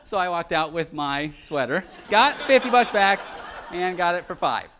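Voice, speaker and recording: A man's voice: high voice, expressive, normal speed, pushed and bright, a little hiss or hum. Humorous young man giving a talk. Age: young adult. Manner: self-deprecating, humorous storytelling. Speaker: conference speaker. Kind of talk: live presentation.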